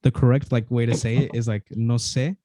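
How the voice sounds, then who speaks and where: A man from Mexico, talking casually on a podcast in a relaxed, hesitant way with many restarts. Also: mid-range voice, brisk, dry recording.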